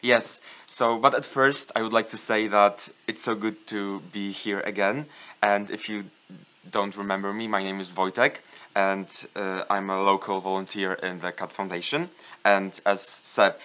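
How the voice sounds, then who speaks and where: A young man with a Polish accent co-hosts a casual podcast. His voice is deep, bright and clean in tone. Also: flat delivery, moderate pace, clean tone. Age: young adult. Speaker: podcast co-host.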